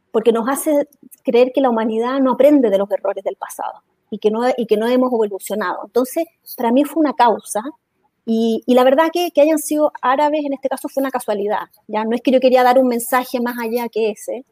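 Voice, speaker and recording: A woman's voice: on the high side, a little fast, warm tone, no echo. A Chilean woman with a Chilean accent, speaking as an interview guest in an earnest, impassioned way, often restarting her sentences. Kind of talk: conversational interview.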